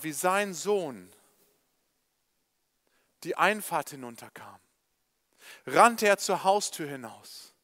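A man preaching in a church, telling a parable with animated storytelling and speaking straight to his listeners. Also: high-pitched. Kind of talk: evangelistic sermon storytelling.

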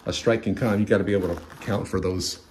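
A man's voice: low voice, steady tone, quick pace, slight background noise. A middle-aged man casually reviewing a product at home, rambling with many restarts and repeated words, recorded on a handheld phone. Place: home practice room. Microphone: handheld phone camera.

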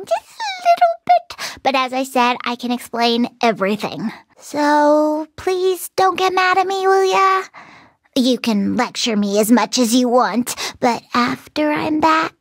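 Cute high voiced cookie train girl for a game, breezy n playful, super swoopy, dry studio sound. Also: very animated, measured pace, dry recording, heavily acted. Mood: pleading. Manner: cutesy, breezy, giggly. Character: playful, carefree young female cookie train conductor. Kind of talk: video game cutscene voice acting.

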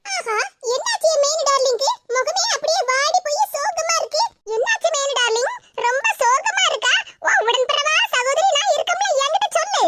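A woman voicing a squeaky scheming cartoon neighbor. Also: expressive, normal speed, few pauses, bright, forceful tone, no echo, full character voice. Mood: coaxing. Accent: Tirunelveli Tamil. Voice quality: high and squeaky. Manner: coaxing, sugary, then plotting. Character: scheming sweet-talking woman neighbor, meddling. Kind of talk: cartoon voice acting.

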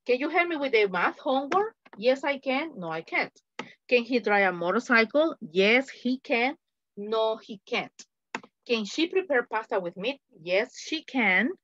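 A woman with a Latin American Spanish accent teaching an English grammar class online, slowly and patiently repeating example answers. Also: a little high, animated, fairly bright tone, dull audio, a little hiss or hum.

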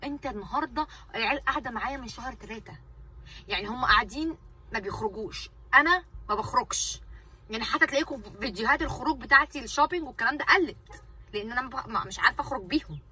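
Woman, Egyptian Arabic accent, exasperated mother venting to camera, slightly high voice, somewhat distant mic. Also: animated, very fast, bright, forceful tone. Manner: exasperated, ranting, repeats herself for emphasis. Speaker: vlogger and mother.

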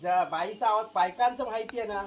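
A man's voice: high voice, fast. A man with a Konkan Marathi accent, chatting offhand and teasing in a village garden. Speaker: vlogger's husband. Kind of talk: casual chat.

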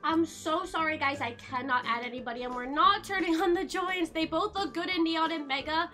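A young woman streams a game live and chats to her viewers. Her voice sits very high and bright, and she gets excitable and loud as each round plays out. Faint game music plays behind her. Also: a little fast.

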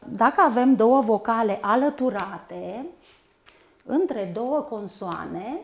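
A woman teaching a primary school lesson, speaking slowly and carefully and spelling words out syllable by syllable. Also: on the high side, lively intonation, gravelly.

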